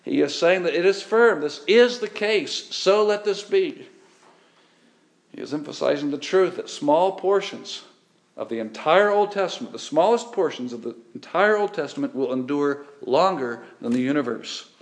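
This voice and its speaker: A middle-aged man preaching a sermon, emphatic, swelling on key words and then dropping low. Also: lively intonation, moderate pace. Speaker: pastor.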